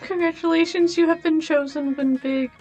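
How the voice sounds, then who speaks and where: A young woman playing a video game with a friend, chatting casually and reading the game's text aloud in a playful, animated way. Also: very high-pitched, moderate pace, dull audio, faint music behind. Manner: playful, animated, reads with expression. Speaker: gamer.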